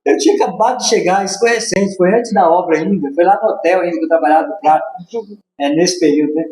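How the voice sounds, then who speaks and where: In an echoey room with a little hiss or hum, a fast-talking man with a high voice and a Brazilian Portuguese accent shares an animated, casual story as a podcast guest, performing the dialogue and laughing along.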